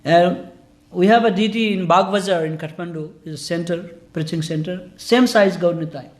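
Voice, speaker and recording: A man with a rather high voice gives a scripture class. He speaks in an earnest, informal way, and his English grammar is loose. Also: normal speed. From Nepal. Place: temple hall.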